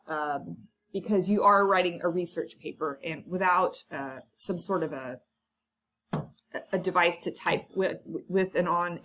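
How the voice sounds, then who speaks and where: A woman's voice: fairly low pitch, fairly bright tone. A woman college instructor walking through her course syllabus in a casual, informal way, with frequent fillers, asides and the odd cough. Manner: chatty and informal, many ums and asides. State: coughing now and then. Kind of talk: casual syllabus walkthrough lecture.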